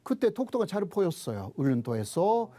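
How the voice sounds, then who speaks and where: A male professor with a Japanese accent gives an explanatory lecture in a high, very lively voice. His pitch swings widely as he sets up questions and answers them. The tone stays soft-edged, with faint music behind him. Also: normal speed. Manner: didactic, asks questions then answers them.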